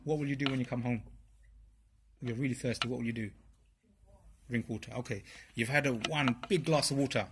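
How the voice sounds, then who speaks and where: A man's voice: medium pitch, fairly even intonation, fairly quick, long pauses, background noise. Man giving a chatty religious talk. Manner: conversational, checks in with "yeah?" and "right?". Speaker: speaker at a religious study circle. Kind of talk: informal religious talk to a group.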